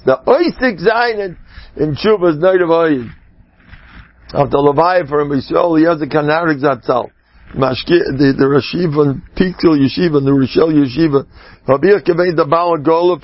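A man, a rabbi, giving a religious lecture in halting, repetitive phrases that break into sudden high, emphatic exclamations. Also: no room sound. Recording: dull, dry lo-fi recording.

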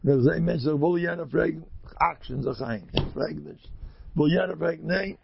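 A man giving an informal religious talk with personal stories, halting with many restarts and repeated words. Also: on the high side, gravelly, muffled recording, very noisy. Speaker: religious speaker.

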